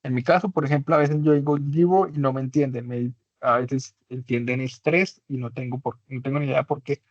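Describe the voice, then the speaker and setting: A man's voice: mid-range voice, steady tone, a little fast, no echo, muffled recording. A man teaching an English class in Spanish, his first language, patiently explaining and checking understanding with tag questions. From Latin America.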